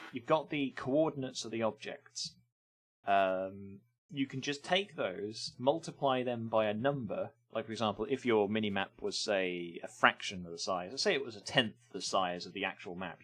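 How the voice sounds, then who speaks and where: A man's voice: lowish voice, a bit bright. A man casually reviewing games on a live stream, rambling and hesitant with lots of ums.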